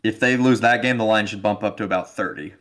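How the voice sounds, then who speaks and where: A young man co-hosting a casual sports podcast, blunt and quick to swear. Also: on the low side, fairly bright tone. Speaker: podcast co-host.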